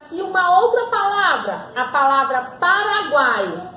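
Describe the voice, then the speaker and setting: Extremely high-pitched and sing-song, this teacher's voice runs a little slow over lo-fi audio with a slight hiss or hum. She's recording a grammar lesson in an echoey room in a Brazilian Portuguese accent, asking and answering her own questions and stretching out example words.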